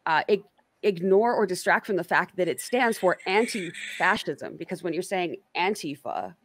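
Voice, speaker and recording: A woman's voice: on the low side, expressive, moderate pace, dry recording. A woman hosting a casual online interview, talking in a rambling way with lots of fillers and self-corrections. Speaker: host.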